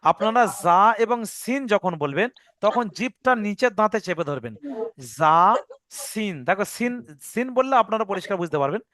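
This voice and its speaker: A man's voice: high voice, animated, fairly quick, a bit bright, dry recording, clean studio sound. A man teaching how Arabic letters are pronounced, patient, repeating his points, sounding out each letter and often checking that the learners follow. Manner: demonstrates sounds aloud. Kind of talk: Arabic letter pronunciation lesson.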